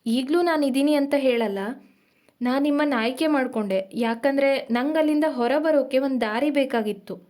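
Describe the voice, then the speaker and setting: Audio drama: tense young woman confessing in a hurried, strained rush, high and quick, as the reader puts her on. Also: a little mellow, close to an everyday voice.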